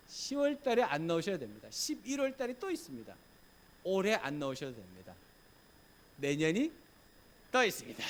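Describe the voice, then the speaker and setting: A middle-aged male pastor preaching a Sunday sermon in a church, swinging from loud urging to soft, murmured reassurance. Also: on the high side, a little hiss or hum. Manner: acts out gentle quoted lines in a hushed voice. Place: church sanctuary.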